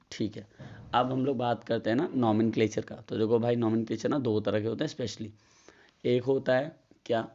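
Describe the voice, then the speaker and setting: A man's voice: on the low side, warm tone, highs cut off. A man with a Hindi accent giving a casual chemistry tutorial, asking and answering his own questions. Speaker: chemistry teacher. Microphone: phone.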